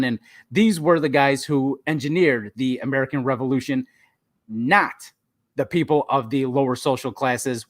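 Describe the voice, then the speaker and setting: A man's voice: medium pitch, no echo, studio quality. A man co-hosting a casual podcast over a remote call, joking and laughing often, with some swearing. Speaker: podcast co-host.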